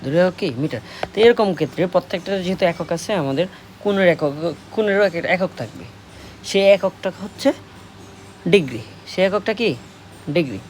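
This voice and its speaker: Brief: male math tutor, Bangladeshi Bengali accent, slightly high voice, patient quiz-and-answer delivery, faint hiss. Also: expressive. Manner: slow, repetitive, asks questions and answers them. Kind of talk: classroom lesson explaining at a board.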